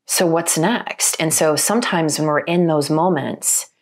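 A woman's voice: deep voice, measured pace. A woman guest on a podcast, a matchmaker, telling her own story in an earnest, reflective, flowing way. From Arizona, US. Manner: earnest, reflective, speaks in long flowing runs. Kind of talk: candid conversational storytelling. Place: podcast studio.

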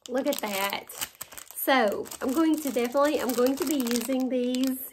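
In a casual show-and-tell haul from her living room, a West Virginia woman in her forties speaks in a Southern accent, gushing and frequently laughing, recorded by a close front camera. Her voice is high-pitched and darkish, her pace moderate, with a little hiss or hum.

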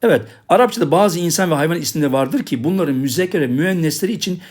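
A man's voice: fairly high pitch, animated, rapid-fire. A man teaching a recorded language lesson, patiently drilling each word and repeating the same checks. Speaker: Arabic teacher.

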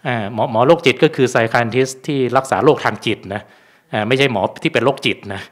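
A Buddhist monk gives a relaxed Dharma talk at a temple. He talks in an easy, conversational way and keeps checking in with rhetorical questions. His voice sits at an ordinary middle pitch for a man.

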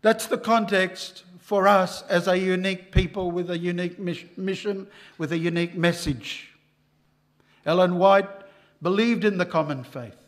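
At a normal speed and in a high-sitting voice, an older man gives a sermon at a church lectern microphone, emphatic throughout and getting loud at important lines.

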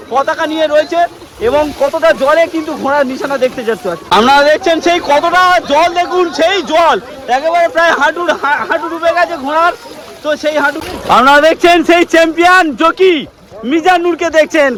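A man calling a horse race as a commentator, in urgent, repeated short phrases. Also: very high voice. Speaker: race caller and live video commentator. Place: outdoors at a flooded village racecourse. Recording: outdoor recording amid loud crowd noise.

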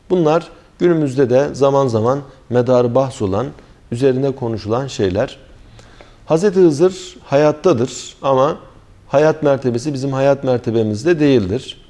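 A middle-aged man giving a religious lecture, explaining verses in a measured way with frequent hesitant pauses. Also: medium pitch, mellow. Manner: recites Arabic verses then translates. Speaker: Quran commentary teacher.

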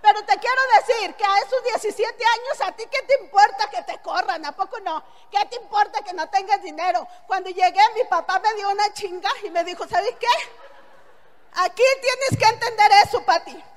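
A middle-aged woman with a Mexican Spanish accent tells her story with blunt, earthy humor. Her voice sits very high. The speech rings with a long hall reverb. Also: fairly even intonation, brisk, hardly any pauses. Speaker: motivational speaker. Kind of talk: testimonial speech to an audience.

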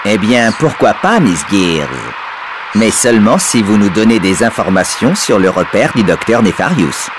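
Clank, a polite little robot. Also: male voice, on the low side, sing-song, normal speed, noisy background. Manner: polite, formal. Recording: game audio with music bed.

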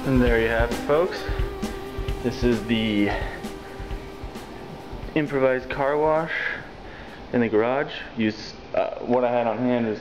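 A young male vlogger films a casual road-trip vlog on a handheld camera, upbeat and joking as he explains car care and detailing tips to the camera. His mid-range voice moves slowly with long pauses, and music plays in the background of the poor audio.

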